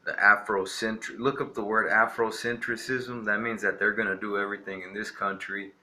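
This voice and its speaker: This young Texas vlogger rants defiantly to the camera in a casual, rambling monologue packed with "you know" fillers. His voice sits on the low side with a level tone, brisk and sharp, over slight background noise.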